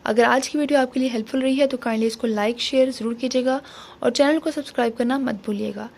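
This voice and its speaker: A woman teaching phonics, sounding out letters one at a time in a slow, drawn-out way. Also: on the high side, steady tone, vocal fry, a little mellow. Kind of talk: slow phonics lesson mixing Hindi and English.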